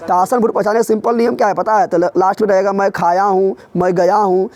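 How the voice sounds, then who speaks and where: A man teaching a grammar revision lesson in a classroom, drilling his students with quick repeated questions. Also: high voice, steady tone, darkish tone, no echo.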